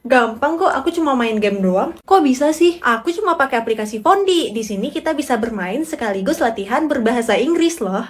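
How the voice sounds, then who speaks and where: A woman playing a cheerful schoolgirl student in a comedy skit, with a high voice and an eager, boastful way of talking. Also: animated, fairly quick, few pauses, lightly acted. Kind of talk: comedy skit role-play.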